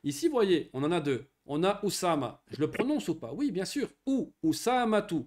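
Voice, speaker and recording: A man teaching children Arabic grammar in a lively, animated voice that rides fairly high for a man. He explains patiently and keeps stopping to ask whether they have understood. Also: normal speed. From Morocco. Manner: patient, lively explanations with frequent checking questions.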